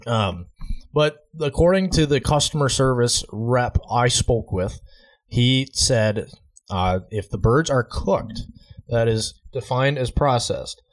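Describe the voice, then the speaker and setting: A man's voice: mid-range voice, expressive, slow. A man co-hosting a podcast, explaining things earnestly and casually, with many fillers. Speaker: podcast co-host. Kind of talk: casual chat. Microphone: portable recorder.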